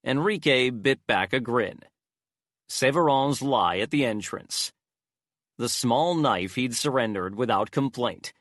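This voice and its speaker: A man reading an audiobook in a measured, even storytelling voice. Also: medium pitch, dry recording, studio quality. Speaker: audiobook narrator. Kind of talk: scripted narration.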